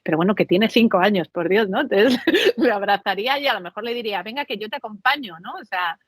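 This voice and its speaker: A woman guest on a podcast talks in a lively, rambling storytelling manner and keeps checking in with her listener. Her voice sits at a middle pitch, and the recording is dry and close with no room sound. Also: brisk, slightly rough, no room sound. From Mexico and Spain. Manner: chatty, animated storytelling with frequent tag questions. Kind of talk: conversational interview.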